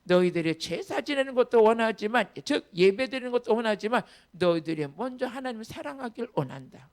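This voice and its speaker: A woman's voice: a little high, expressive, a little fast, darkish tone. A woman pastor preaching a revival sermon, emphatic and leading the congregation in reading scripture aloud. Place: church retreat hall.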